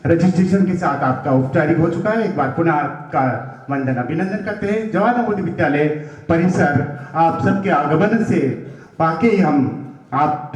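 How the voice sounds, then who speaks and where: High-voiced man announcing in echoey hall. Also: darkish tone, distant mic. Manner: slow, declamatory, halting phrases. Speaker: event anchor. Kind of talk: formal stage announcing.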